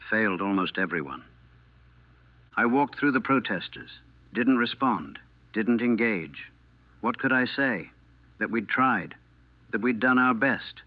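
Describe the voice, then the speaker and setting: A man with a fairly low voice narrates a scripted first-person account in the role of a war veteran. His delivery is somber and deliberate, broken into short, repeating phrases. The sound is very dry, with no room around it, and heavily band-limited and muffled. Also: no room sound.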